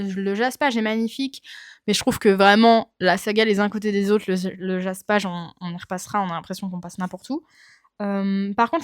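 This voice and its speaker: A woman's voice: mid-range voice, no echo, clean studio sound. A young woman chatting casually about her books at home, thinking aloud with lots of fillers, filmed on her phone. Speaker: book vlogger. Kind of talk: casual chat. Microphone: phone camera.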